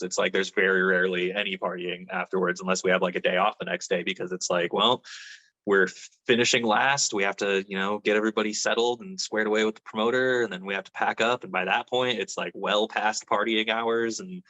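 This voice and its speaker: Laid-back young man with a bright voice. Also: lowish voice, highs cut off. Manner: laid-back, rambling, lots of fillers and swearing. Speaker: metal band vocalist. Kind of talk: casual interview chat.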